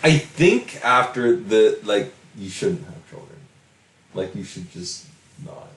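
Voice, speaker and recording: A man's voice: lowish voice, lively intonation, slow, reverberant, rough recording. A man co-hosting a podcast in casual chat, hesitant and full of filler words. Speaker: podcast co-host.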